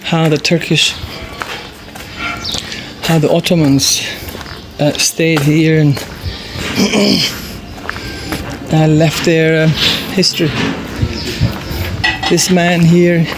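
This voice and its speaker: A man with an Albanian accent talks casually as he guides viewers on a walking tour. His voice sits a little higher than most men's. He is recorded outdoors, with clear street noise and vehicles behind him. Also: little pitch movement, very slow, long pauses. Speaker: travel vlogger. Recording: noisy outdoor street, traffic ambience. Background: street ambience, vehicles.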